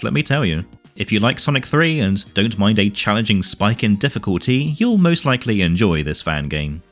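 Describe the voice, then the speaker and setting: Over background music, a man with a medium-pitched, slightly bright voice delivers a scripted retrospective on a game. As a reviewer and narrator, he slips in dry, wry remarks.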